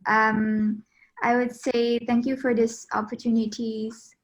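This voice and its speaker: A woman's voice: on the high side, flat delivery, takes it slowly. A teenage girl with a Thai accent, earnestly thanking her teachers on a video call. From Thailand. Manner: earnest, hesitant with ums. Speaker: student.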